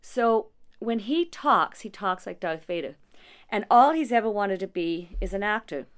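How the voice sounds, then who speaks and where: The leader of a non-profit support agency, a woman with a medium-pitched, clear, resonant voice, answers interview questions conversationally. She tells stories warmly, with frequent restarts and small laughs.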